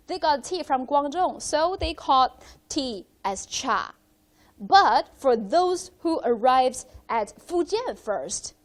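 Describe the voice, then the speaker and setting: A woman from China presents a live walkthrough of an indoor museum hall, explaining the exhibits in a conversational way and often asking the viewers questions. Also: high voice. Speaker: presenter guiding a museum tour.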